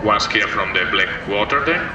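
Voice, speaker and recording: A man speaking as a ship's captain, explaining procedure in a halting, technical way. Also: lowish voice, animated, highs cut off, loud music behind the voice. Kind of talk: explaining a departure manoeuvre. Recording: echoey, distant, noisy room.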